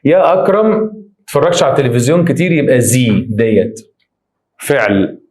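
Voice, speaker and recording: A man with an Egyptian Arabic accent, teaching German grammar by walking through exercises and reading the sentences out slowly. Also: medium pitch, expressive, darkish tone. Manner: quick explanatory, reads German slowly. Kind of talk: exam exercise walkthrough.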